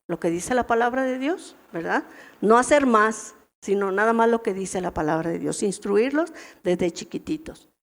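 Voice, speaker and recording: A middle-aged woman with a Mexican accent, teaching a women's church meeting in a chatty, story-filled way and often checking in with the audience. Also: fairly high pitch. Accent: Mexican Spanish. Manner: chatty, anecdotal, constant tag questions to the audience.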